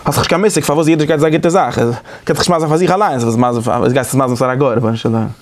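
Leading a class discussion in a casual study-group setting, this man speaks at medium pitch, often stopping, restarting, and repeating himself. He becomes lively and emphatic, and there's a faint hiss or hum in the recording.

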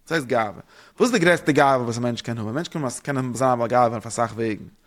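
A man giving a spoken religious lesson, rambling quickly and posing rhetorical questions to his listeners. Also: medium pitch, fairly bright tone. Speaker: religious teacher.

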